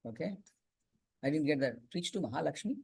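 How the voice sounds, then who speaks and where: A man's voice: fairly high pitch, animated, a little fast, vocal fry, darkish tone, husky. A man with a Telugu Indian accent, a native Telugu speaker, leading an interactive religious class and often checking in with short questions. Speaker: scripture class teacher.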